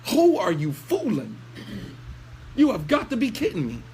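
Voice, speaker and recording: A man's voice: high-pitched, huge pitch swings, moderate pace, darkish tone, slight background noise. A man preaching in a lecture, scolding with rhetorical questions and telling a story, mixing in recited Arabic phrases.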